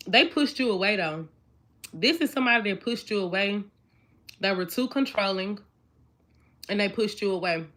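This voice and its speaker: Chatty young woman reading tarot cards. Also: mid-range voice. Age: 20s. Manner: chatty, repetitive, talks straight to viewers. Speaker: tarot reader. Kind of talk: casual tarot reading to viewers. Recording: card shuffling noise clearly audible. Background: shuffling cards and clicks.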